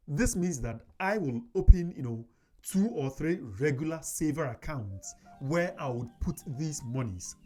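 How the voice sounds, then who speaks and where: A man's voice: on the high side, a little mellow. A man hosting a personal finance video, talking casually to camera with frequent "you know" fillers. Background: faint background music.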